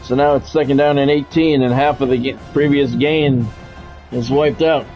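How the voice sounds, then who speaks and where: An American man calls a football video game live in short, clipped, radio-style sportscaster phrases, chatting casually with his stream viewers. His mid-range voice is steady, a little mellow, and moves at a normal speed. A dull lo-fi mic picks him up over background music.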